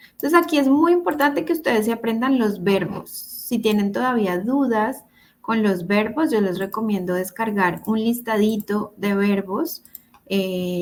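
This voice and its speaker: A woman teaching English grammar to a class over a video call, patient and repeating examples. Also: mid-range voice. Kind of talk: online class explanation. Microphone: computer mic on a video call.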